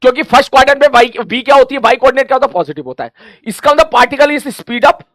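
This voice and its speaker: A man with a strikingly high voice teaches a physics class in a dry, close-sounding space. He talks to the class like family, calls them brother and child, and plays both sides of the question and answer. He counts things out slowly aloud to make a point. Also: expressive, fairly bright tone, no room sound. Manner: chatty, quizzes himself in students' voices and answers. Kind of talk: coaching class lecture.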